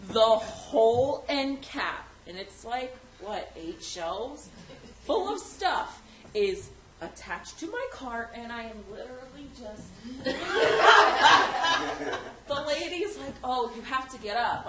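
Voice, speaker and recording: A woman telling a funny story to a group, animated and laughing, acting out the quotes. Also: slow. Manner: animated, laughing, acts out quotes with big pitch jumps. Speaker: mourner sharing a story at a funeral gathering. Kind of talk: casual storytelling. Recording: echoey room with background noise.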